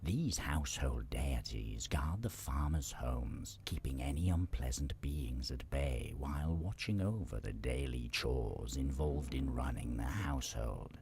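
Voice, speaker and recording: A man with a very deep, gravelly voice reading storybook narration for a video game. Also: animated, unhurried, hardly any pauses, darkish tone, slight background noise.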